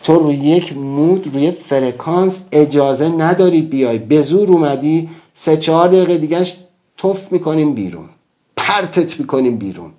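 A man delivers a motivational talk in a fairly high, mellow voice. He speaks emphatically and keeps turning to his listeners with rhetorical questions.

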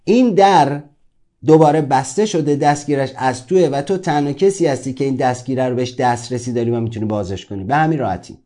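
A man's voice: medium pitch, warm tone. A man teaching a self-help course, giving an informal motivational talk and speaking directly to his listeners in a conversational way.

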